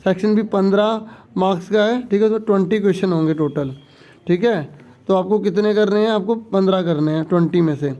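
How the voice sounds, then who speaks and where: A male teacher with a high, mellow voice talks through a sample exam paper. He reads each question out slowly, then explains it patiently and keeps checking that the class is following.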